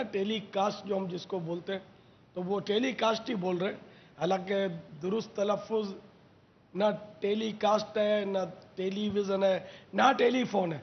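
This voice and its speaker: A high, gravelly-voiced man from Pakistan hosts a religious TV talk, explaining words slowly and quizzing his listeners. The audio is dull and lo-fi. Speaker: religious scholar host.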